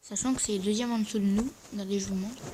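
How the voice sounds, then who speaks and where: On a rough recording with a little hiss or hum, a gaming video host gives casual gameplay commentary in a dark, medium-pitched, fairly even voice. Braces slightly slur their speech and make it sound a bit odd, and they're halting and hesitant, frequently correcting themselves.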